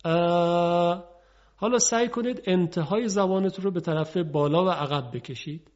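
A man teaching Quran recitation, slowly and deliberately enunciating letter sounds for his students. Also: high voice, a little mellow. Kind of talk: scripted instructional lesson. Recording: dull lo-fi broadcast audio.

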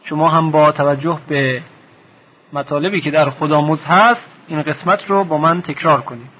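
Male teacher, raised pitch, deliberate pacing, stretches sounds to demonstrate; lo-fi tape quality. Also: fairly even intonation, breathy edge. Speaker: Quran reading teacher. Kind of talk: recorded lesson. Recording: dull lo-fi recording.

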